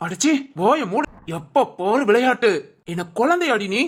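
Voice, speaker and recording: A voice actor playing an angry young husband in a cartoon, scolding his wife in a sharp, bossy way. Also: mid-range voice, animated, normal speed, natural voice. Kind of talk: cartoon voice acting.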